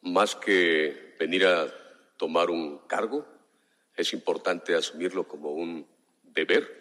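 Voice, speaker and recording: A municipal commissioner in his fifties from Juchitán, Oaxaca, in southern Mexico, delivers a formal press-conference speech, slow and measured with long pauses. His low voice sounds pushed and bright, and the relayed recording carries hall reverb.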